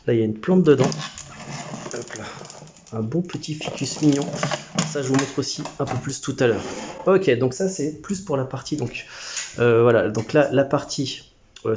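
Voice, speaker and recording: A man's voice: medium pitch, lo-fi sound, noisy background. A man hosting a casual unboxing vlog at home, chatty and slangy, often stumbling and restarting his sentences. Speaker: aquarium hobby YouTuber. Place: home living room.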